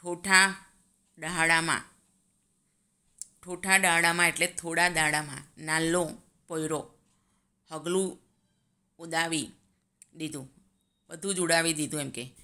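Woman teacher, grammar lesson, slow and deliberate delivery. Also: low voice, steady tone, pushed and bright. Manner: slow, reads word lists aloud deliberately.

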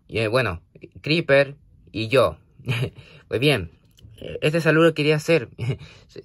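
A man's voice: medium pitch, a bit bright, no echo. A man vlogging casually, rambling hesitantly with many fillers and restarts as he talks to a toy companion. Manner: hesitant, full of fillers and restarts, scolding then apologetic. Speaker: vlogger talking to a toy creeper.

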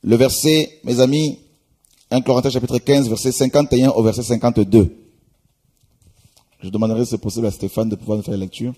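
Dark husky-voiced man preaching. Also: medium pitch, steady tone, brisk, pauses often. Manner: exhorting, repeats "mes amis", many hesitations. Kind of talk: Bible-reading sermon.

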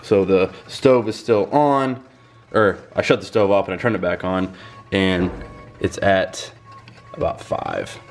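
A stuffed-up young fitness vlogger in his twenties, nursing a cold, casually narrates his cooking step by step in plain how-to style, on a camera mic in a small home kitchen. His low voice has fairly even intonation and a measured pace, with faint music behind.

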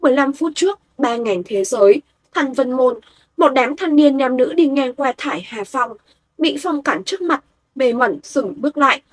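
High husky woman narrator. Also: animated, normal speed, dry recording. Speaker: audiobook narrator. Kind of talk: scripted narration.

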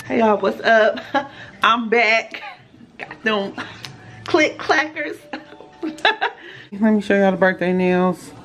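A woman's voice: mid-range voice, slow, long pauses, fairly bright tone, soft background music. A woman chatting casually to her camera as a vlogger. She talks straight to her viewers, calls them y'all and swears freely. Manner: blunt, swears freely when venting. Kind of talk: casual vlog chat to camera.

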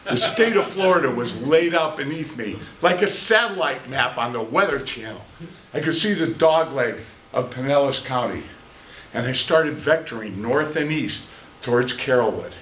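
An animated older American man, a speech contest competitor, tells a theatrical tall tale to a live audience in a small indoor meeting room. His mid-range voice comes across dramatic and emphatic, with deliberate pauses. Recorded by a camera a few meters away, the audio is echoey with faint noise.

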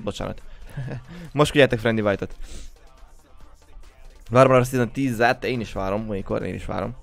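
A man's voice: lowish voice, creaky. A young man hosting a game livestream, just woken up, greeting viewers one by one in casual chat. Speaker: livestream host.

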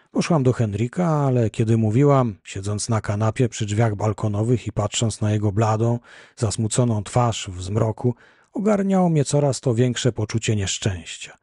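A man reading a literary audiobook in the first person, measured and reflective, on a close, dry mic. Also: on the low side, warm tone, slightly rough, no echo. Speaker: audiobook reader.

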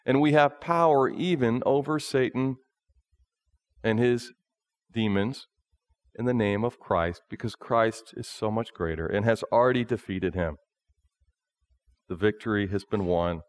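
A man in his thirties, a pastor preaching a sermon from a lectern in a small church, in a slow, measured delivery. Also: lowish voice, no echo, clean studio sound. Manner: slow, measured preaching, often reading from notes.

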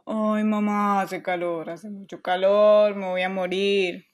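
A woman's voice: mid-range voice, level tone, slow, pitched below the performer's own voice, close to an everyday voice. A woman voicing a restless, mischievous boy who complains dramatically, in a children's toy play story. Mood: complaining.

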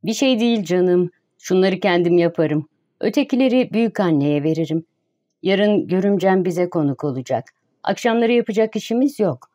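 A modest, caring landlady chats in a plain, homely way, as a woman narrator puts her on. Her voice is low and warm. It is an audiobook figure read close to the reader's own voice. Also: animated, normal speed, lightly acted.

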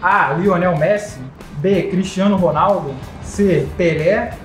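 A Brazilian woman with a fairly low voice hosts a quiz, slowly reading out questions and answer options. The recording is echoey, with light music playing behind her.

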